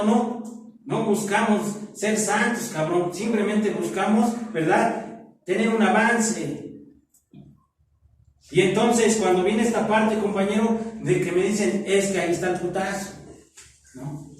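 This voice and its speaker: At a support group meeting, a middle-aged Mexican man shares his testimony in a high-sitting voice, talking roughly and swearing while tacking "¿no?" and "¿verdad?" onto almost every phrase. He's recorded far from the mic in an echoey room.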